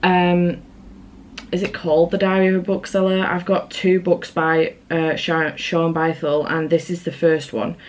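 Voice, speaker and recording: A woman's voice: on the low side, flat delivery, measured pace. A British woman chatting casually to camera as a book vlogger, rambling along with self-aware asides.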